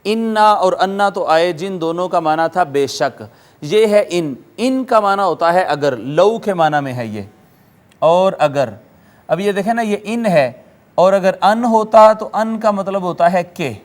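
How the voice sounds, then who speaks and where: A male lecturer with a Pakistani Urdu accent teaches Arabic grammar in a classroom-style recorded lecture, his high voice smooth and clear. He works methodically through each word, patiently repeating its meaning, and chants Quranic words slowly in a drawn-out recitation tone.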